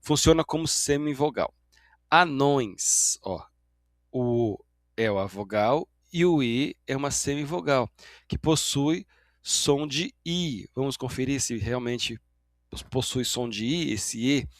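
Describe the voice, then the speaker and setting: A man's voice: medium pitch, no room sound. Patient male teacher, dry close sound. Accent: Brazilian Portuguese. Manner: explains patiently, with frequent tag checks like "né?" and "tá?"; stretches out example words slowly to demonstrate sounds. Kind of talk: grammar lesson at a whiteboard.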